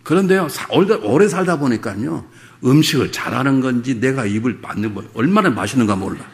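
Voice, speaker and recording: A man's voice: medium pitch, expressive, a little fast. A middle-aged male pastor preaching a revival sermon, moving between humorous storytelling and fervent exhortation.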